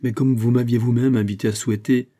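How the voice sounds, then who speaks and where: A man reading aloud, voicing a dignified middle-aged count who speaks with measured, courteous humility. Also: mid-range voice, fairly even intonation, dark tone, lightly acted.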